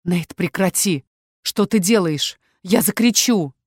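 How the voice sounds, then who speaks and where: A woman's voice: fairly low pitch, steady tone, unhurried, husky, dry recording, clean studio sound. A woman voicing a frightened young dragon-shifter woman, pleading and alarmed, in an audiobook. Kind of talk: audiobook character voice.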